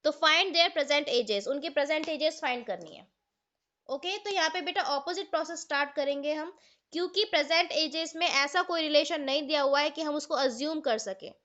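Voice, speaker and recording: A woman with an Indian accent teaches an online maths class, her voice high and bright. She explains each step slowly and keeps putting questions to her students. The sound is dull and lo-fi, like online class audio. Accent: Indian English. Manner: explains step by step, asks the students questions, mixes Hindi and English.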